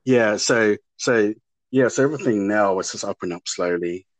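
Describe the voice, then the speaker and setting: A man, an actor answering interview questions in a halting way that often repeats words. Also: lowish voice, no room sound. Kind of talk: casual interview chat.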